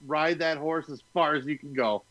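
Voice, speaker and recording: Slightly higher-voiced dude cursing casually about football, kinda muffled mic. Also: male voice, normal speed, crowd noise. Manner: blunt, swears freely, rambling restarts. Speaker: co-host. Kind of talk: casual sports podcast chat.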